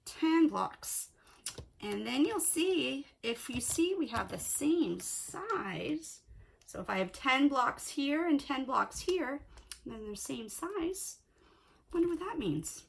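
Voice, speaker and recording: Slow sing-song woman teaching small children. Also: high voice, sing-song, gravelly, a little hiss or hum. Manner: cheerful, encouraging, sing-song counting for young children. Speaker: preschool teacher. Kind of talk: children's video lesson and read-aloud. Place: at home, indoors.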